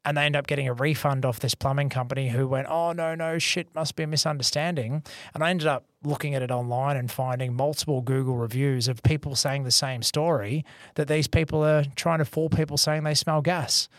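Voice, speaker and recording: A man's voice: mid-range voice, fairly even intonation, a little fast, dry recording, studio quality. A man co-hosting a business podcast as an accountant, chatting casually and telling a story while acting out the voices of the people in it. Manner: storytelling, acts out quoted voices.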